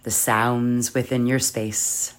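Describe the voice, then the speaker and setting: Meditation guide, soft and soothing, slow measured phrasing, long pauses, medium pitch, yoga nidra style. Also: flat delivery.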